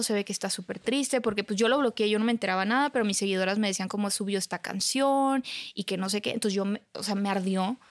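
In clean studio sound with no echo, a mid-range female voice belongs to a woman from Mexico with a Mexican Spanish accent. Appearing as a podcast guest, she candidly recounts her story in casual conversation, sprinkling in "you know," "I mean," "¿sabes?" and "o sea" often.

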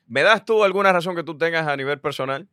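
A man's voice: on the high side, quick pace, bright, forceful tone, no echo, clean studio sound. A man with a Dominican accent hosting a casual podcast chat, telling stories and laughing often. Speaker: podcast host.

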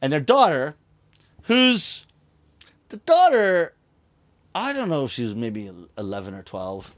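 There's no echo as a middle-aged rakugo storyteller, his voice a little high, talks unhurriedly in a relaxed interview. He acts out the voices of the people in his stories with an animated storyteller's flair.

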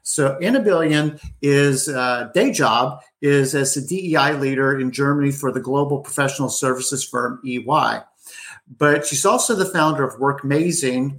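Male show host, friendly and talkative, warm-up chat with a guest. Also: mid-range voice. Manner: upbeat, chatty, with frequent fillers. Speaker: podcast host. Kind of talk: conversational interview hosting.

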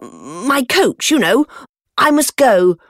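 A woman's voice: a little high, sing-song, slow pace, no echo, clean studio sound, heavily acted. A woman voicing a clumsy, vain young man who stammers and gets flustered.

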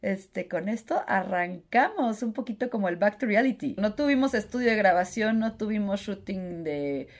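Una mujer de unos treinta años con acento mexicano, copresentadora de un pódcast, que habla animada y rápida entre risas. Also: female voice, medium pitch. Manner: animated, quick, laughing. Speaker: podcast co-host. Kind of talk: casual chat.

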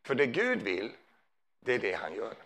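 A man's voice: medium pitch, wildly swooping pitch, fairly bright tone. A man preaching a sermon in a conversational way, often putting questions to his listeners.

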